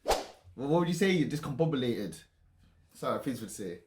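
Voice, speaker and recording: A man's voice: medium pitch, very animated, a little fast. A man co-hosting a reaction video in playful, slangy, laughing banter. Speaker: reaction channel co-host. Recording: echoey room with faint noise.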